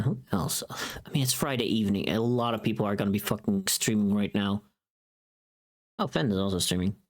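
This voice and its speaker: A VTuber on a livestream chats casually with viewers in a medium-pitched, mid-range voice. The talk is loose and rambling, teasing and informal, with a little mild swearing.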